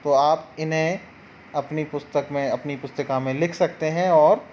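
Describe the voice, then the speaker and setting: A man's voice: fairly high pitch, steady tone, normal speed, a little mellow, highs cut off, a little hiss or hum. A man teaching an online grammar lesson, patient and explaining each sound one by one.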